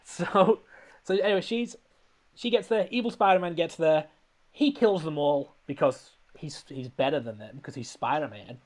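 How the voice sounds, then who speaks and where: A man's voice: fairly high pitch, moderate pace. A man hosting a podcast, rambling and laughing as he recaps a film in casual comedic chat. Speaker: podcast host.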